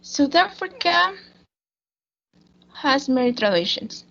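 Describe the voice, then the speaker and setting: A woman reads a school presentation slowly and carefully, stopping to restart words. Her voice sits a little high with a gravelly edge. The recording is dull and lo-fi. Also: sing-song, a bit bright. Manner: slow, careful reading with small restarts. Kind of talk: read-aloud school presentation.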